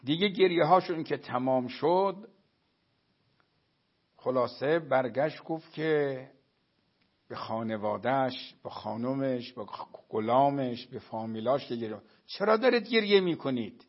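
A man giving a religious lecture, telling narrations to his listeners and reciting Arabic quotations slowly. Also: mid-range voice. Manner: storytelling, addresses listeners as dear friends. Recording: dull lo-fi recording.

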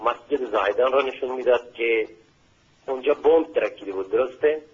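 A man's voice: mid-range voice, husky, dull audio. A man from Baluchistan calling in to a talk show, arguing heatedly, pleading and repeating himself. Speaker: caller. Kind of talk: heated call-in argument.

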